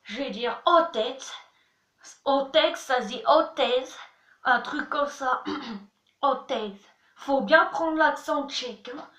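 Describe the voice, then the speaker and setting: A woman's voice: sits high, takes it slowly, long pauses, a bit bright. A young woman in a casual vlog, chatty and playful, teaching words and poking fun at herself. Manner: chatty, playful, self-mocking. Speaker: vlogger. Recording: echoey room, mic at a distance.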